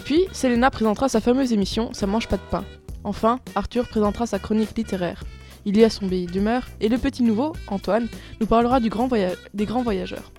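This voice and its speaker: A woman's voice: fairly high pitch, brisk, darkish tone, faint music behind. A woman co-hosting a radio show, reading out a scripted programme rundown.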